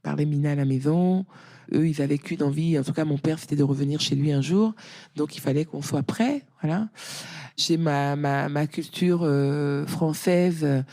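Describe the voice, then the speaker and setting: A middle-aged woman guest talking casually in an interview, a lively storyteller whose voice rises when she quotes others. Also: sits low, moderate pace. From France.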